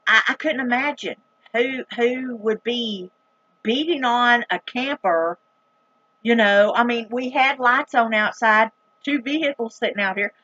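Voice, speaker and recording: A middle-aged rural American vlogger narrates a story for her viewers in a Southern accent, keeping it plain-spoken and folksy, casual, dramatic and emphatic. Her voice is on the high side, sharp in tone, at a measured pace. The recording's highs are cut off.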